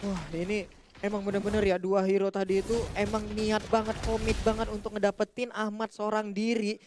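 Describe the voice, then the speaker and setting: A man's voice: sits high, completely flat delivery, fairly quick. An Indonesian man working as an esports caster, giving exclamatory match commentary. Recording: loud game noise behind the voice.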